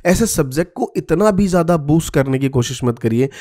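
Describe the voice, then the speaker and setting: A man's voice: fairly high pitch, expressive, a little fast, darkish tone. A man giving students direct study advice in a motivational talk, often slipping English words into it. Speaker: YouTube study-tips presenter.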